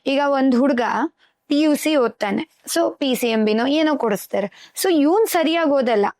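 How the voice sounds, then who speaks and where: A woman's voice: sits high, expressive, unhurried, darkish tone, dry recording. A woman guest on a podcast, a life coach who explains earnestly with everyday examples. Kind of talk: podcast interview.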